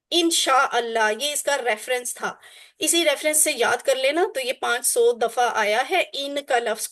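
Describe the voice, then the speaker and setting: A woman teaching a class on Quranic Arabic, drilling word forms slowly and deliberately, then explaining them. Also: sits high, a bit bright.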